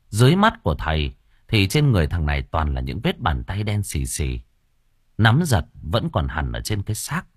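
A man narrating a horror audiobook in a lively storytelling manner. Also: sits low, dry recording, studio quality.

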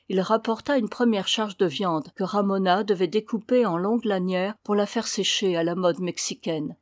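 A woman's voice: medium pitch, no room sound. Woman narrating a novel, dry close sound. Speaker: audiobook reader. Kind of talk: scripted narration.

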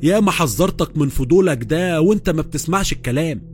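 A woman's voice: sits low, expressive, fast, darkish tone, faint music behind, pitched above the performer's own voice. A man voicing a worried young woman who is an expert in magic, with an Egyptian accent. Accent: Egyptian Arabic.

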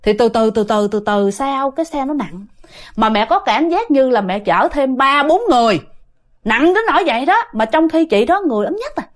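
A woman with a Southern Vietnamese accent narrates a ghost story in a high voice, chatting directly to her listeners. Her telling is lively and dramatic, like a friend sharing a spooky tale. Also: moderate pace.

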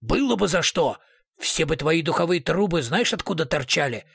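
A man's voice: on the high side, animated, moderate pace, gravelly, a bit bright, slightly rough, no echo, studio quality, heavily acted. A man voicing a brutal male police investigator who switches between sugary politeness and snarling threats.

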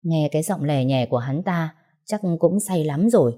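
A woman narrates a first-person audiobook at normal speed. Her low, mellow voice keeps a steady, even delivery.

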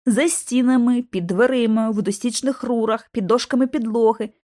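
A woman reading an audiobook narration in an expressive, dramatic manner. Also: fairly high pitch, normal speed. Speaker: audiobook reader.

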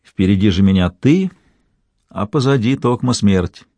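A man's voice: fairly low pitch, lively intonation, measured pace, mellow, no room sound. A man reading aloud, voicing an aging grand prince who speaks in archaic courtly words and turns from tender to furious. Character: aging grand prince, stern, quick to rage.

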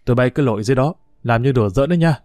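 A man's voice: mid-range voice, lively intonation, rapid-fire, darkish tone, dry recording, clean studio sound, close to an everyday voice. A man voicing a stern scolding mother.

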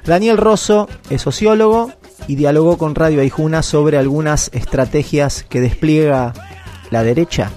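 Guy narrating a radio news piece, kinda high voice, soft music under it. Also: normal speed. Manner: reflective, rhetorical questions. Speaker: radio reporter.

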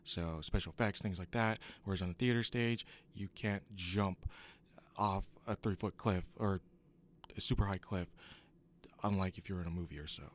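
A man's voice: sits low, fairly even intonation, moderate pace, a little hiss or hum. A young man, an acting student, answering questions in a radio interview, rambling and correcting himself as he goes. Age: young adult. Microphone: studio microphone.

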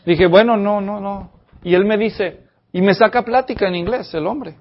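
A man preaching an expository sermon, addressing the congregation directly with animated energy. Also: sits high, moderate pace, highs cut off. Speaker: pastor.

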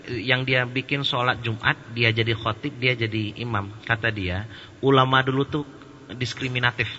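Bright-voiced male preacher in an echoey hall. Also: mid-range voice, slight background noise. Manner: conversational, joking, grows loud and animated. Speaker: Islamic preacher. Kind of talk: religious study lecture. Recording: dull, with a long echo in a hall.

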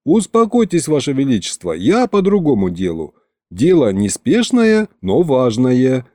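A man reading an audiobook, voicing a cheeky young male courtier who flatters eagerly and sounds excitable. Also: mid-range voice, unhurried, dry recording, clean studio sound. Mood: eager flattering.

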